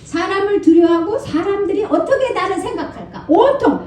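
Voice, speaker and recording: An older woman, a senior pastor, gives a lively, conversational Friday night sermon. She laughs often and acts out people's inner thoughts. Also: very high-pitched, a little fast. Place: church sanctuary. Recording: very echoey church hall, from far off.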